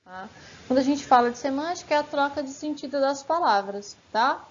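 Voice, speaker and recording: Female teacher, higher voice, casual rhetorical lesson style, muffled recording with light hiss. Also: expressive, a little fast. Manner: conversational, frequent "né" and "tá" tags, asks rhetorical questions. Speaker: Portuguese teacher. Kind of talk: informal grammar lesson. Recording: slightly muffled, faint background hiss.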